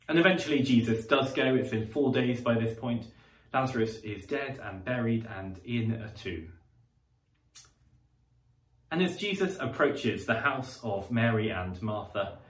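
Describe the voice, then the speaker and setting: Male preacher, mid-pitched, conversational and reflective sermon delivery, recorded off-mic in a reverberant church. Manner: conversational, reflective, with frequent pauses and fillers. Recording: roomy echo, distant mic.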